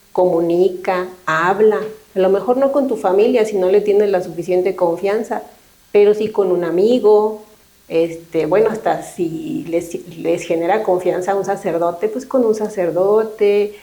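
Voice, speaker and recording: A woman's voice: on the low side, warm tone, rough recording. A middle-aged woman, a thanatologist guest talking reflectively and unhurriedly in an interview, often checking in with short tag questions. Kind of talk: conversational interview.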